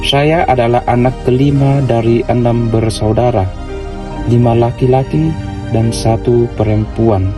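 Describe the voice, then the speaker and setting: Young friar, slow and measured testimony over clear backing music. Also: male voice, mid-range voice, fairly even intonation. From Vietnam. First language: Vietnamese. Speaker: Capuchin friar. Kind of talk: personal vocation testimony.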